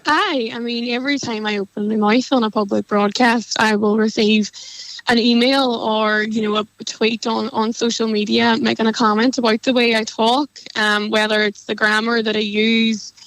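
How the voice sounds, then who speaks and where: A woman's voice: on the high side, flat delivery, normal speed, a bit bright, dry recording, poor audio. A woman, a political correspondent, speaking matter-of-factly on a radio discussion.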